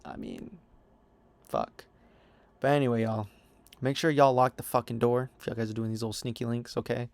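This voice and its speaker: A man's voice: medium pitch, animated, moderate pace, vocal fry, long pauses, a little mellow, dry recording. Young man telling a profane, rambling story. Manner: profane, rambling, full of "you know" and "whatever" fillers. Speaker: storytime vlogger. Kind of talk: casual storytime monologue.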